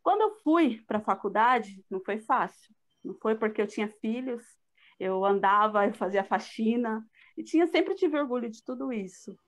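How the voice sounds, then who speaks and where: A woman's voice: a little high, lively intonation, moderate pace. A middle-aged woman with a Brazilian Portuguese accent, giving an earnest, reflective personal testimony in a live talk. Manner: earnest, reflective, with frequent fillers. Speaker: guest speaker.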